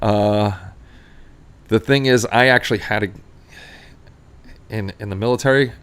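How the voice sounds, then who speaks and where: A middle-aged man hosts a casual livestream in a Queens New York accent. His voice is on the low side and very smooth and resonant. He rambles as he answers the chat, often saying a phrase twice. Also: fairly even intonation, a little slow, a bit bright. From Queens, New York City, USA. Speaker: livestream host.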